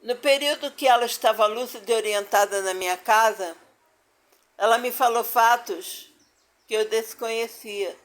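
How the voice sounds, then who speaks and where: A woman's voice: fairly high pitch, moderate pace. An older woman with a Brazilian accent telling her own family story as a personal testimony, stressing her points by repeating phrases. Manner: emphatic, repeats phrases for weight.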